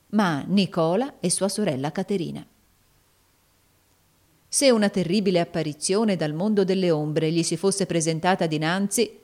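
A woman reading a classic novel aloud in measured narration. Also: on the low side, darkish tone. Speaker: audiobook narrator.

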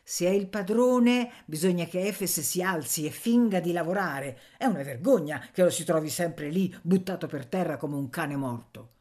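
A woman reading as a gruff old male miller who shouts and scolds, in a raised voice. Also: lowish voice, animated, normal speed, few pauses, close to an everyday voice. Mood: scolding. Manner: scolding, barking.

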